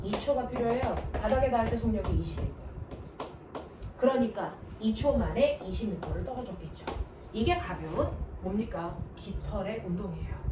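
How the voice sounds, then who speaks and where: The mic sits far from a woman whose pitch is fairly high as she lectures her class on physics. She is lively and fires off frequent check-in questions, all captured in a noisy, reverberant room.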